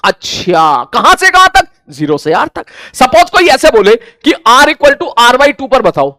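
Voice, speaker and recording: A man's voice: extremely high pitch, very animated, unhurried, sharp tone, no room sound, clean studio sound. A man teaching a physics class, acting out back-and-forth dialogue with imagined students in a conversational way. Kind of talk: classroom lecture.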